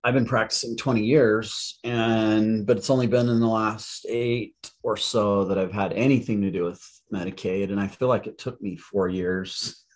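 Low-voiced man cracking wry jokes. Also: fairly even intonation, moderate pace, hardly any pauses. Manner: joking, wry asides. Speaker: podcast co-host, attorney. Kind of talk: casual chat.

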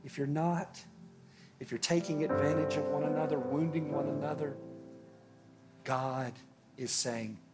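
A man preaching a sermon as pastor, earnest and unhurried, with long pauses and words that fall away softly. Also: fairly high pitch, steady tone, loud music behind the voice. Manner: slow, earnest preaching with long pauses and soft drops in volume.

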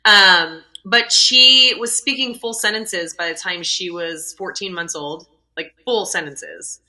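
Bright-voiced young woman telling stories. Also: on the low side, takes it slowly, low-quality recording. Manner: chatty, lots of fillers, storytelling. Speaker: guest, doula. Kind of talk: casual conversational interview.

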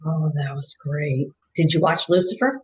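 A woman in a casual podcast roundtable, chatty and quick to laugh. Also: low-pitched. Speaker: podcast co-host. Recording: slightly dull lo-fi audio.

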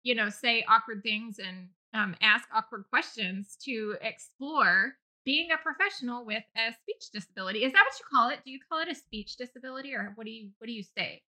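A woman's voice: fairly high pitch, a little fast, few pauses, pushed and bright. A woman hosting a podcast, asking direct, friendly questions. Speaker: podcast host. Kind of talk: casual interview.

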